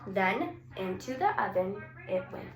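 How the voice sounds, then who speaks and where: Reading a picture book to young children, a woman speaks unhurriedly at medium pitch with big swings in her intonation. She lengthens words and asks her audience questions, while the room echoes and some noise sits in the background.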